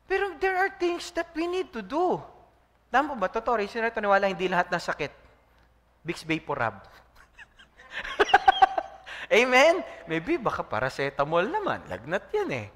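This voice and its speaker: A man, a pastor preaching a lively sermon, often calling out to the congregation for a response. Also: high voice, moderate pace, big-room sound. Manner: preaching in mixed Tagalog and English, call-and-response with congregation.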